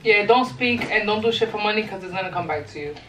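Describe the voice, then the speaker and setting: A woman's voice: medium pitch, animated, fast talker, crowd noise. A young woman chatting casually with friends over a meal, curious and asking questions. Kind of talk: casual group chat while eating. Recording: roomy, mic at a distance, background hum.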